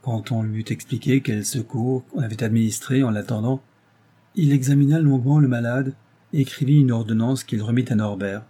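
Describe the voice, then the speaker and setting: A man reads a novel aloud with a measured, dramatic delivery. His voice is mellow and dark, with a husky edge. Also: medium pitch. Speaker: audiobook narrator. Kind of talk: scripted narration of a novel.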